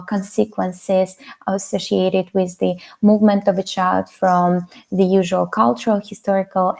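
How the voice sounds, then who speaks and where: Young woman from Kazakhstan, mid-pitched with some gravel, earnest student presenter on a video call. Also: dark tone. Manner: earnest, with frequent fillers and restarts. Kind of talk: academic webinar presentation.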